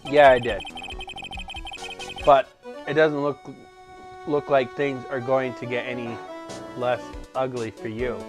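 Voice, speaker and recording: A man voicing a wry, deadpan young lawyer in a game played on stream. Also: mid-range voice, takes it slowly, long pauses, music in the background, voice pushed down, close to an everyday voice.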